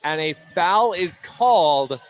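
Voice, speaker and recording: Expressive and slow-paced, a man with a slightly high voice gives live radio commentary on a basketball game in short, clipped phrases. There is clear background noise from the gym, with its ambience and the sound of bouncing basketballs.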